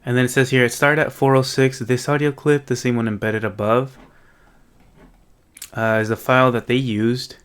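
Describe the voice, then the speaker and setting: A man hosts an informal coding video series, thinking aloud in a casual, unscripted tech walkthrough and often checking in with the viewer. His medium-pitched voice is smooth and fairly bright, with flat delivery at normal speed.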